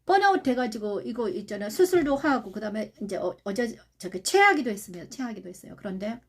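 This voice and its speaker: A woman pastor preaches a sermon in a high voice. She repeats her phrases and keeps asking the congregation rhetorical questions. Her delivery swings between quiet passages and louder ones. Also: expressive, a little fast, slightly rough. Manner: shifts from soft to loud delivery.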